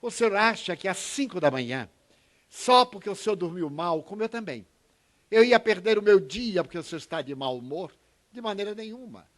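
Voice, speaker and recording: A man's voice: lively intonation, a little fast, fairly bright tone. A man in his eighties from Bahia with a Bahian Brazilian accent, giving an inspirational talk and acting out the voices in his anecdotes. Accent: Bahian Brazilian Portuguese. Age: 80s. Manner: storytelling, acts out dialogue with shifts in pitch and volume. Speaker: spiritist speaker.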